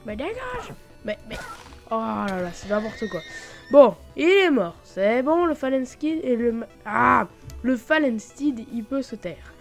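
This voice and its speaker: A woman with a fairly high voice gives a chatty, excitable gaming commentary. She breaks into sudden exclamations and scatters fillers through her talk. Soft music plays in the background. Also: measured pace, creaky. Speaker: gaming YouTuber. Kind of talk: Minecraft mod showcase commentary.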